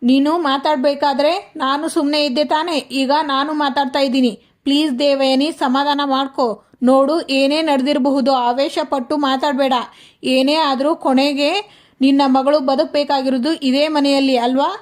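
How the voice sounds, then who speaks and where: Give me a firm young policeman, read out by a woman in a high voice. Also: fairly even intonation, moderate pace, natural voice. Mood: stern.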